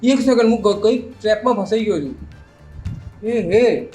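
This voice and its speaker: A man with a notably high voice rants through a meme reaction, sarcastic and mocking. He drops English phrases into his casual commentary and keeps a needling tone. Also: expressive, moderate pace, dark tone, faint music behind.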